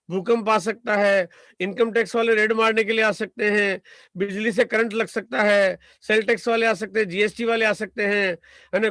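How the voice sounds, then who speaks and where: High-voiced man giving an emphatic pep talk. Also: a bit bright, no echo, clean studio sound. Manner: emphatic, rhetorical, piles up repeated phrases and asks "right?". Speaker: motivational business speaker. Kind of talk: motivational talk to a business audience.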